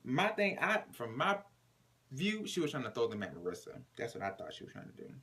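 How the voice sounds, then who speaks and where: A man's voice: medium pitch, huge pitch swings, fairly quick, pushed and bright. A man casually recapping a reality TV episode, using slang and profanity and retelling scenes with dramatic flair. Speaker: TV recap reviewer.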